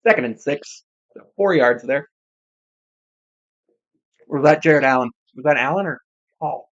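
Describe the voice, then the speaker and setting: A casual amateur football commentator, whose voice doesn't reveal their sex, gives live play-by-play at a measured pace, with muttered asides and self-corrections. The voice is mid-range and the audio lo-fi.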